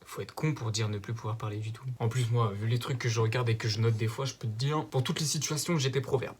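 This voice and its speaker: A man's voice: mid-range voice, a little mellow, a little hiss or hum. A young man doing a casual, slangy commentary, reading quiz questions aloud and answering them with jokes. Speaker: YouTuber.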